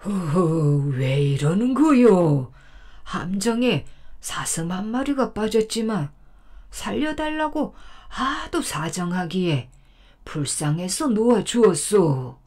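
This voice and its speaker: A woman voicing a kind, gentle old grandfather who talks in a slow, drawn-out way. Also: mid-range voice, very animated. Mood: placating.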